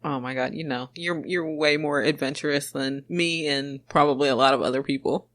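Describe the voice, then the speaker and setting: Lady cohosting a podcast, lowish voice, laughing through her stories. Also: moderate pace. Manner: laughs a lot, animated storytelling. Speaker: podcast co-host. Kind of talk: casual chat.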